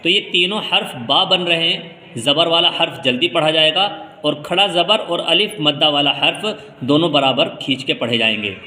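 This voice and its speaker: Bright-voiced male teacher in an echoey room. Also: a little high, expressive. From India. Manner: patient explaining, drawing out and half-chanting letter sounds. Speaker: Quran reading teacher. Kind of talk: step-by-step reading lesson. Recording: echoey room with long reverb.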